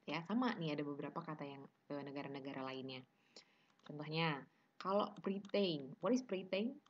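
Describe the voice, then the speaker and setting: Low husky Indonesian-accented teacher. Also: female voice, dull audio. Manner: mixes Indonesian and English, drills word pairs slowly. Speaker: English teacher. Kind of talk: online class lecture.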